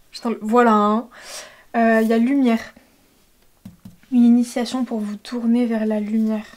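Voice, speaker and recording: A woman giving an intuitive tarot reading, talking hesitantly with many fillers and a gentle tone. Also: fairly high pitch, flat delivery, unhurried. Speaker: tarot reader. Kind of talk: intuitive card-reading guidance.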